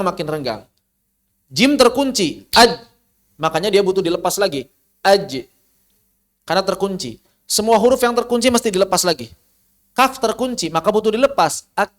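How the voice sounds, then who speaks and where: High-voiced man teaching Quranic pronunciation. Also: fairly bright tone. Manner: demonstrates letter sounds by repeating them slowly. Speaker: tajwid teacher. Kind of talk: recorded lesson on Quranic pronunciation.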